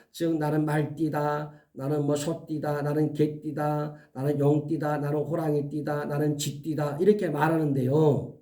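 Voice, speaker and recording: A man with a high, mellow voice preaches an earnest sermon as a pastor, pressing his warnings and slowing down to list items one by one. He sounds set back from the microphone. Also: distant mic.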